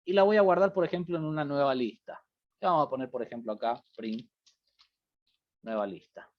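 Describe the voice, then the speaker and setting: A man's voice: on the high side, brisk. A man teaching a programming class, thinking aloud as he types code and checking in with students often. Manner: thinks aloud while typing, many fillers like "fíjense" and "bien". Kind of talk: live-coding class explanation. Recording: dull lo-fi audio.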